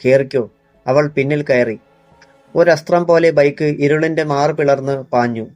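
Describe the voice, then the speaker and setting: A man narrates a crime thriller with tense, dramatic pacing. His voice sits a little high for a man and the recording is dry and close. Faint background music runs under the reading. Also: steady tone, unhurried, darkish tone, dry recording. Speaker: audiobook narrator.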